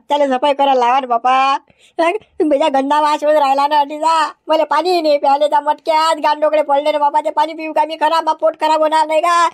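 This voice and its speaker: A woman's voice: sits high, darkish tone, no echo, studio quality, natural voice. A woman with a Varhadi Marathi accent playing a jailed villager who whines, pleads and grumbles in a village comedy sketch. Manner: whiny complaining pleas with repeated "हं?".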